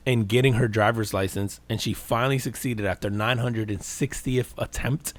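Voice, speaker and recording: A man's voice: medium pitch, steady tone, moderate pace. Frat-bro American man, casual and profane. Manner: frat-bro slang, calls people bro and man. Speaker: podcast host.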